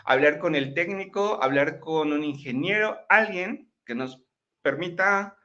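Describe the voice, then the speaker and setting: A man's voice: a little high, unhurried, bright, forceful tone, highs cut off. A man giving a chatty live-streamed motivational talk, often checking in with his listeners. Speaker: motivational speaker. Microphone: laptop microphone.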